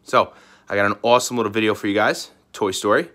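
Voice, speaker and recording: A man's voice: on the low side, fast, fairly bright tone. Upbeat male teacher talking to kids. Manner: upbeat, talks directly to children. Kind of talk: recorded online lesson.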